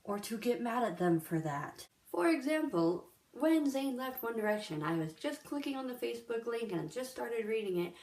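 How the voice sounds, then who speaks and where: A woman's voice: on the high side, big pitch swings, normal speed, hardly any pauses, a little mellow. A young woman talking casually and earnestly to camera, with lots of fillers. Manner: chatty, filler-heavy, earnest. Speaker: vlogger. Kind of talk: casual vlog monologue. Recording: echoey room.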